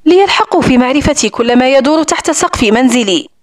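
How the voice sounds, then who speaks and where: A woman's voice: sits high, animated, fast, dry recording, studio quality. A woman reading the part of a stern, sarcastic wealthy man who owns an island estate, speaking coldly and mockingly. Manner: cold, mocking.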